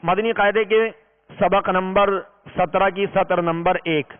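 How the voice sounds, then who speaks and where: A man gives a measured recitation lesson, explaining each rule patiently and stretching the long vowels. The sound is thin and phone-like, with a long reverb tail trailing his words. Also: sits high, steady tone. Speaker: Quran reading teacher. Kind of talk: recorded tajweed lesson. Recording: tinny, reverberant lo-fi recording.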